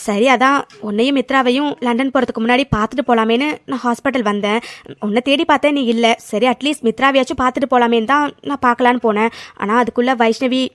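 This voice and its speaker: A woman voicing a calm young woman in a cartoon serial, patiently coaxing and often ending with a questioning "ha?". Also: fairly high pitch, quick pace, no room sound, studio quality, close to an everyday voice.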